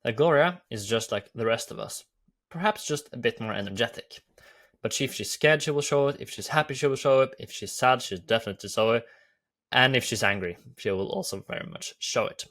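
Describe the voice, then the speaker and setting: A man with a Norwegian accent hosts a video, explaining lessons in an eager, upbeat way. His voice is mid-pitched and plain, and he leans on repeated phrases for emphasis. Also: fairly quick, fairly bright tone. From Norway. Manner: enthusiastic, repetitive phrasing. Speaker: YouTube host. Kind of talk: commentary.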